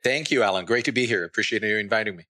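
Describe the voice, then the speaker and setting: Low-voiced Israeli-born male guest. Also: rapid-fire. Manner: thoughtful, with frequent restarts. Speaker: podcast guest, startup founder. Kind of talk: interview conversation.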